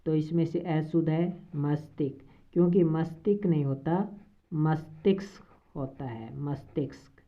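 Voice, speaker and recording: A woman teaching a Hindi spelling lesson for exam prep, slowly reading out options and repeating each word. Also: sits low. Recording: tinny phone-like audio.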